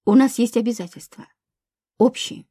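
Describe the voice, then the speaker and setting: A domineering young man, stern and commanding, with a husky, mellow tone, as a woman reader puts him on. He talks in short, firm orders that brook no refusal. The recording is close and dry, with no room around the voice. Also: on the high side, fairly even intonation, moderate pace, no echo.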